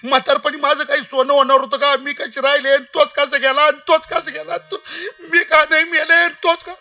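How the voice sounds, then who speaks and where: A man's voice: extremely high pitch, fairly even intonation, moderate pace, sharp tone. A man voicing a grieving old village mother, wailing with a sobbing lament in a humorous sermon.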